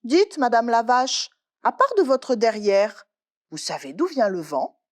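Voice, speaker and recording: Brief: chatty little chick for a storybook, played by a woman, higher and lively, always questioning. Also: measured pace. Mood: curious. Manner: inquisitive, then tearful and fed up.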